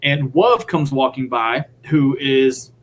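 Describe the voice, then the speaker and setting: A man, a guest drummer, telling a story in a casual, excited, rambling way. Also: medium pitch, takes it slowly. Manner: excited, rambling, acts out quotes.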